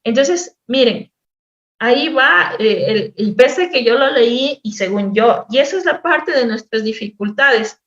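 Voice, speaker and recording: A woman teacher with a fairly high voice lectures on spelling rules, repeating herself and stretching sounds slowly to show them. The recording is roomy and echoing, with a dull, lo-fi sound. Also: expressive, fairly bright tone. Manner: explanatory, repeats words, exaggerates sounds slowly as examples. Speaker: teacher-therapist. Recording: echoey room, dull lo-fi sound.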